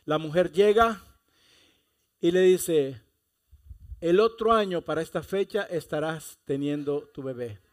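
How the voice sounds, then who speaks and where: High-voiced man preaching with passion. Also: measured pace, pauses often. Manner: impassioned preaching, swelling to loud exhortation. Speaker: pastor. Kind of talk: sermon.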